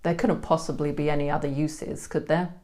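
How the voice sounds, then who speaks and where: A woman with a British accent teaching English pronunciation, saying words slowly and carefully for learners to repeat. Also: low voice, flat delivery. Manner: slow, careful, demonstrating words one by one. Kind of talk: pronunciation lesson.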